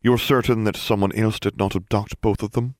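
A man's voice: lowish voice, steady tone, brisk, a little mellow, no room sound, clean studio sound, pitched above the performer's own voice, lightly acted. A man doing a hesitant old headmaster. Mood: musing. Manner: hesitant, musing. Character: mild, hesitant elderly male headmaster.

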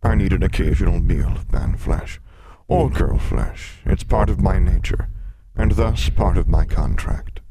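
A male narrator voicing a huge, ancient male sphinx who speaks in a booming, scornful way, louder than his narration. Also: unhurried, heavy background noise. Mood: menacing. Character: huge menacing male sphinx, lion-bodied, mocking, ancient. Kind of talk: audiobook character voice.

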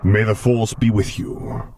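Lord Vader, a man doing a slow rumbling masked dark lord. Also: flat delivery, creaky, background noise. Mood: measured. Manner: slow, deliberate, rumbling delivery. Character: imposing masked male dark lord, measured and commanding.

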